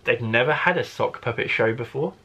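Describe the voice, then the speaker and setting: On a lo-fi recording, a male primary school teacher reads a story to children with a sharp tone in his slightly husky, mid-range voice. He tells it expressively, with careful, measured phrasing.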